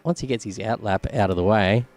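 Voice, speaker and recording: A man's voice: fairly low pitch, fairly quick, a little mellow, faint music behind. A man hosting live race commentary in a conversational, colloquial manner. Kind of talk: live sim racing commentary.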